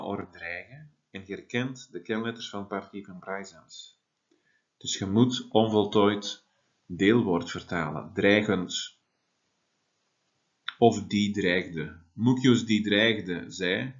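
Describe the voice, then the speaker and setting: Slow, low-voiced teacher explaining. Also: male voice, highs cut off. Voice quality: explains step by step, many tag questions. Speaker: Latin teacher. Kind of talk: classroom lesson.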